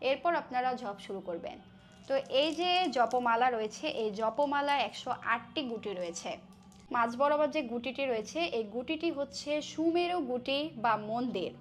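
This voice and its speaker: A woman with a Bengali accent teaches a devotional chanting practice, her voice sitting high. She chants the mantras slowly and melodiously between plain instructions, over a faint hiss.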